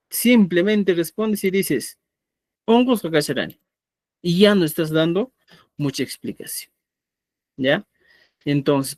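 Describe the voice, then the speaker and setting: A man's voice: fairly high pitch, dry recording, clean studio sound. A man teaching a live online language class, explaining patiently and often checking in with the students. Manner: explanatory, checks understanding with frequent "¿ya?". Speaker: Quechua teacher.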